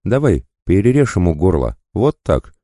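A man's voice: deep voice, animated, normal speed, mellow, dry recording, clean studio sound, pitched above the performer's own voice. A man voicing a sly, cruel bandit who goads and mocks. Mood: goading. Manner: jeering, goading.

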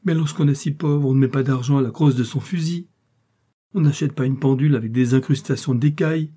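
Audiobook character: an impassioned, reproachful young woman, read by a man with a husky, mellow voice. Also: medium pitch, normal speed, voice pushed up, lightly acted. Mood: bitter. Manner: emotional, pleading, rising and reproachful. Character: desperate pleading young woman, passionate then bitter.

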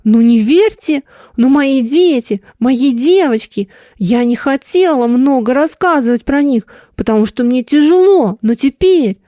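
A woman's voice: high voice, expressive, a little slow, warm tone, no room sound, studio quality. A woman voicing a grief-stricken, guilt-ridden married woman, delivered in an emotional, pleading way. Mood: anguished.

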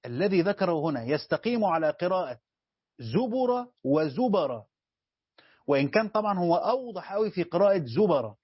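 This lesson in Quran commentary comes from an Egyptian sheikh whose husky voice sits somewhat high for a man. He quizzes his class and drives key phrases home by repeating them, and the sound is dry, slightly dull and lo-fi, without room sound.

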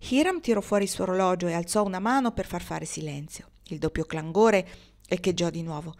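A woman narrating a literary audiobook, measured and expressive. Her voice sits on the low side and keeps an even, storytelling pace. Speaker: audiobook reader.

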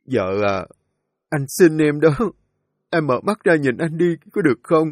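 A man's voice: medium pitch, normal speed, a little mellow, dry recording, clean studio sound, lightly acted. A man voicing a grief-stricken young husband who pleads tearfully with his dying wife. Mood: tender pleading. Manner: sobbing, pleading, voice breaking.

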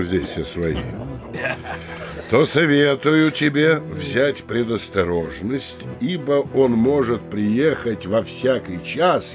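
In a theatrical audio drama, a male actor with a lowish voice plays a pompous, middle-aged provincial mayor. He speaks deliberately and admonishingly, in a confiding, measured mood.

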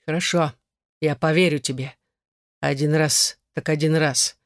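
A gruff, resentful husband in an audiobook, as the narrator reads him. He speaks at about the reader's own pitch. The recording is dry and close. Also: fairly even intonation, measured pace, dry recording, close to an everyday voice. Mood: stern. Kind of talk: audiobook character voice.

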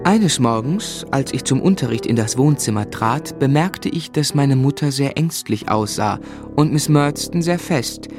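Over music, a male actor narrates a radio play as a grown man remembering his boyhood. His voice is mid-range and animated, and he tells the story in a measured, reflective way.

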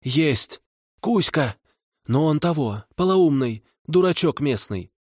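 A man's voice: a little high, lively intonation, slow, darkish tone, no echo, clean studio sound, pitched above the performer's own voice. A man voicing a desperate old female swamp spirit who shrieks and hisses. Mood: submissive. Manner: shrieking and hissing.

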